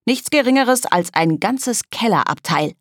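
A woman voicing a boastful, pushy boy who leads a rival gang, in a children's audiobook, speaking brashly and loudly. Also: a little high, lively intonation, unhurried, dry recording, clean studio sound, voice pushed up. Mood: cocky. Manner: brash and loud.

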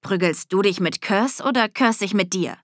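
A charming young man speaks softly and lightly, teasing with easy confidence, as a woman narrating the audiobook plays him. The sound is close and dry, with no room around it. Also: medium pitch, normal speed, no room sound, close to an everyday voice.

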